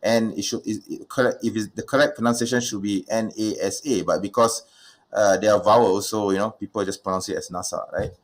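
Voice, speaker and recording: Man, low voice, livestream host, casual chat, lots of restarts. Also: steady tone, fast talker. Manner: talkative, many fillers and restarts.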